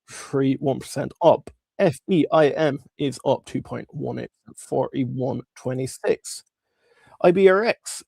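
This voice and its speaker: Congested man with a gravelly, sore-throated voice. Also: mid-range voice, darkish tone, no room sound. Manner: informal, chatty, addressing viewers. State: congested, strained throat from tonsillitis and a cold. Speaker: livestream host. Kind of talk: casual live stock market commentary.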